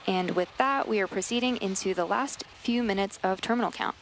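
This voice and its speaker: A woman's voice: medium pitch, a little fast. A woman hosting a live launch webcast, explaining each step in commentary. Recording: faint background noise.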